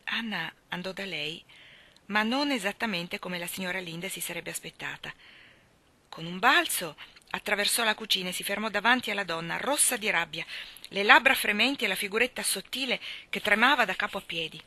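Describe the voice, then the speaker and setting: A woman reading a classic children's novel aloud, in a lively, dramatic style of narration. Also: mid-range voice, brisk, no room sound. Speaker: audiobook reader. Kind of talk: expressive storybook reading.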